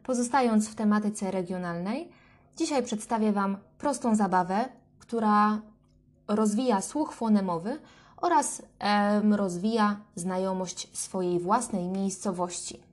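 A woman speech therapist calmly explaining language games for parents to play with their children, with short fillers between phrases. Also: mid-range voice, measured pace. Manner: calm, clear explaining with fillers. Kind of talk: instructional talk to parents.

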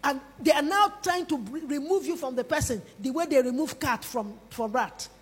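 During a sermon, a woman preaches at normal speed in a high, bright voice, pressing her points with emphasis. She urges the congregation to lift their hands and repeat after her, her voice ringing through a large hall with long reverb.

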